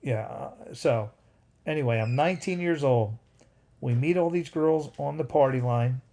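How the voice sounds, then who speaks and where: A man in his fifties talks on a casual home livestream. His voice is gravelly and dark. He rambles through an old story and keeps stopping to say hi to viewers in the chat. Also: medium pitch, unhurried. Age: 50s. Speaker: livestream host.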